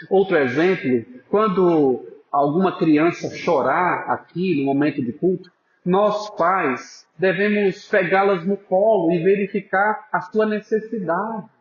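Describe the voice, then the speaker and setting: A man with a high voice preaches slowly and earnestly to his congregation. His sound carries the echo of a church and has a dull, lo-fi quality. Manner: earnest, pastoral, addresses listeners as brothers, drops to a soft voice for emphasis. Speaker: pastor. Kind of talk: sermon.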